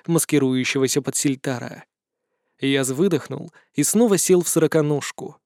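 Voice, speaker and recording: A man narrating a fantasy audiobook in a steady, expressive reading. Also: sits high, smooth, dry recording, clean studio sound.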